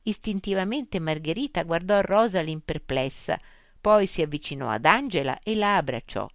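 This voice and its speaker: A woman narrating a story in a measured, expressive reading. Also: on the low side, dry recording, studio quality. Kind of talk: audiobook narration.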